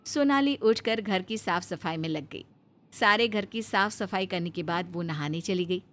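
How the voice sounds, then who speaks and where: A woman narrating a cartoon story in a calm, even storytelling manner. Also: fairly low pitch, measured pace, slight background noise.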